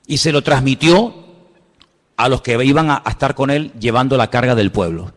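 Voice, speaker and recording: A man's voice: on the high side, in a large hall. A male pastor with a Spanish accent preaching a sermon, talking to the congregation with rhetorical questions. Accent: Spain Spanish.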